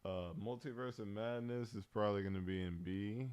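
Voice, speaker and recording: A male streamer giving laid-back, rambling commentary while ranking movies, with loose slang and frequent pauses. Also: lowish voice, darkish tone, smooth, no room sound. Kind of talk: casual tier-list commentary.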